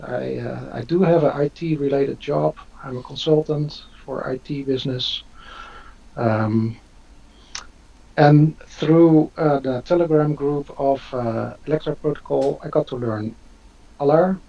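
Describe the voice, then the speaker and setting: Slow gravelly man in his fifties. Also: medium pitch, mellow. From Netherlands. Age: 50s. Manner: slow, hesitant, many fillers. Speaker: host. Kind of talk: casual live Q&A hosting. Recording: dull lo-fi audio.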